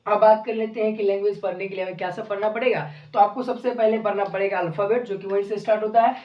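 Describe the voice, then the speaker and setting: A woman's voice: medium pitch, fairly even intonation, fast. A woman teaches a beginners' lesson, asking a question and then answering it herself as she goes step by step. She sounds set back from the mic in a roomy, echoing space, and the recording is muffled and dull. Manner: explains step by step, asks and answers her own questions. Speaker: English teacher. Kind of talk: classroom lesson explanation. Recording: echoey room, distant mic, dull sound.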